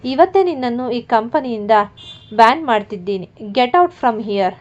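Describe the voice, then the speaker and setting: A woman's voice: fairly high pitch, expressive, measured pace, darkish tone. A woman voicing a stern, commanding young male company boss in a storybook reading, in a muffled lo-fi recording. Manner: commanding, firm.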